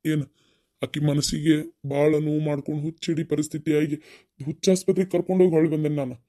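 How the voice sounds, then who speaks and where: A man's voice: a little high, level tone, fast, dark tone, close to an everyday voice. A man voicing a stern, reproachful older village father in a cartoon story, with a North Karnataka accent. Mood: pleading. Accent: North Karnataka Kannada. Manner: reproachful, scolding.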